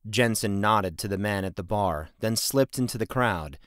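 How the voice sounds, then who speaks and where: A man narrating a fantasy audiobook in a measured, even way. His voice sits low. The recording is close and dry. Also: no echo. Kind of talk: scripted narration.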